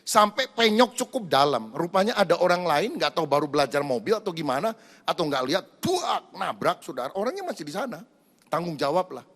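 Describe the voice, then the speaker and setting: A man's voice: fairly high pitch, brisk. A male pastor preaching a sermon, telling a story and addressing the congregation directly. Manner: storytelling, animated, addresses congregation as brothers and sisters. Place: church. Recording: echoey church hall.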